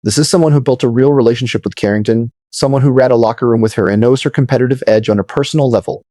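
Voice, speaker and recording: A man narrating scripted video commentary in a measured, dramatic storytelling manner. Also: mid-range voice, dark tone, dry recording, clean studio sound.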